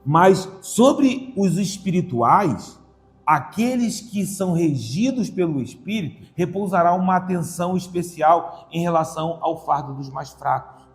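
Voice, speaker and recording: A man preaching a sermon, reading scripture slowly and with emphasis. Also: a little high, animated. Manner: slow emphatic scripture reading, measured delivery.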